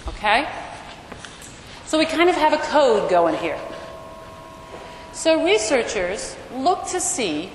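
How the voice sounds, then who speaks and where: Her voice on the high side and loud, a woman teaches a class in a large lecture room, speaking into a mic that runs through the room's amplification. She explains things step by step, frequently asking "okay?" and "right?". The hall is echoey, with faint noise.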